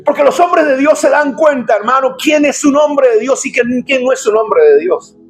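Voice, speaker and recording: High-voiced impassioned male preacher. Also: animated, moderate pace, faint music behind. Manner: impassioned preaching, often shouting, calls listeners brother. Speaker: pastor. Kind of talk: sermon. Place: church.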